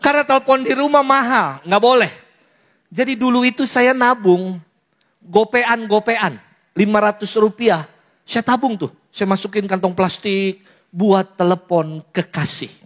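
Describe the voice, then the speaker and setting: High-voiced chatty priest. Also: male voice, animated, unhurried, long pauses, fairly bright tone. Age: young adult. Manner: chatty storytelling, acts out quotes, laughs often. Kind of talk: humorous homily.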